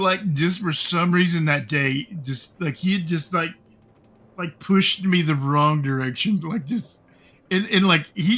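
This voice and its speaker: Gravelly, bright-voiced middle-aged man rambling. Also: fairly high pitch. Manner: rambling, halting, full of fillers and swearing. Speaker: streamer. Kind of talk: casual storytelling while gaming.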